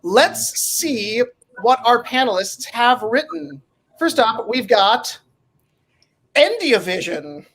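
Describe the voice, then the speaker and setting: High, lively woman hosting a comedy game show. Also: slow, breathy edge, rough recording. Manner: bubbly, animated, laughs often.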